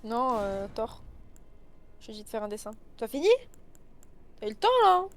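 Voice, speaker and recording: Woman, casual voice-chat banter, higher voice, playful mock-scolding. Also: very animated, moderate pace, faint music behind.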